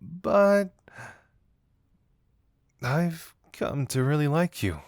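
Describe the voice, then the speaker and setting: In a romantic audio roleplay, a man voices a flirtatious male detective confessing as a secret admirer, his delivery lively and swooping, teasing yet earnest, with shy hesitations. The voice sits on the high side, is extremely slow and exaggerated, and the recording is close and dry.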